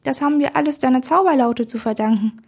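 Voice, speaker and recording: A woman voicing a small, curious elf child in a storybook reading, speaking cheerfully in a husky voice. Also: high-pitched, fast talker, a little mellow, full character voice. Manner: cheerful, wide-eyed.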